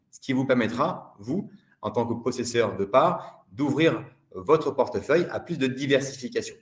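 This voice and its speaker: A man giving a steady, measured explanatory webinar presentation as a fund department director. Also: medium pitch, echoey room.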